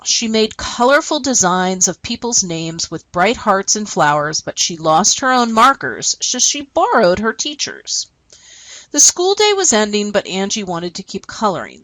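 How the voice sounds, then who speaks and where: A woman's voice: medium pitch, fairly bright tone, no echo, poor audio. A woman teacher explaining a lesson and reading short stories aloud, often checking in with "okay?". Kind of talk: recorded classroom lesson.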